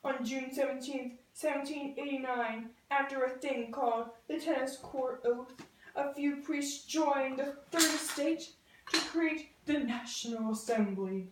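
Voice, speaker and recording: In an echoey room with the microphone a bit far off, a student presenter narrates a scripted puppet show meant to teach, explaining things in a casual, chatty manner. She's a young woman whose voice sits high, and she keeps a measured pace over slight background noise.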